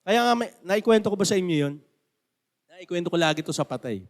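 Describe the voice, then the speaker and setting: A male pastor preaching a sermon and telling stories with animated rises into near shouts. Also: sits high, quick pace. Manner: animated storytelling with rising shouts.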